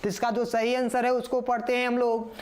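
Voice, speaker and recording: A man's voice: very high voice, monotone, brisk. A man teaching a live online grammar lesson. He repeats answers over and over, calls the viewers "yaar" and reads out their comment answers.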